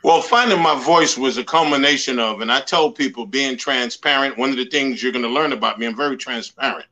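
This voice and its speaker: The recording is rough, and his mid-range voice comes a little fast, bright and forceful. A sixties-aged life coach and motivational speaker from the Bronx, he earnestly and emphatically shares his story in an interview, leaning on repeated slogans.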